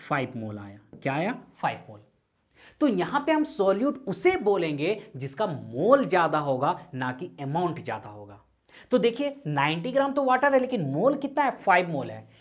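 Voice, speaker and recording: A woman teaching a chemistry lecture, asking the class questions and then answering them herself, mixing English terms into Hindi. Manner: drops pitch on each answer.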